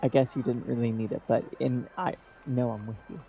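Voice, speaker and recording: A man's voice: mid-range voice, fairly even intonation, brisk, warm tone, dull audio, soft background music. A man chatting casually and jokingly as a player in a tabletop game.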